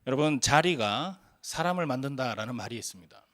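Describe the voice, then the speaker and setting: A male pastor in his forties delivers a sermon in an earnest, storytelling manner, often pausing on hesitant fillers. His voice sits in an ordinary middle register. The sound is dry and close, with no room echo. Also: mid-range voice, lively intonation, fairly bright tone.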